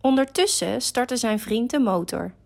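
A woman reading a children's story aloud, slow, gentle and expressive. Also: fairly high pitch, gravelly.

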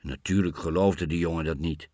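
A man reading a fairy tale aloud with very expressive, swooping intonation. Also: extremely low pitch, normal speed, no room sound, studio quality. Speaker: narrator.

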